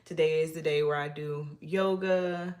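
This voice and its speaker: A middle-aged woman from Massachusetts, United States, hosts a casual livestream, speaking at a measured pace in a low-pitched, a little mellow voice with fairly even intonation. She chats with viewers shyly and ramblingly, restarting her sentences often.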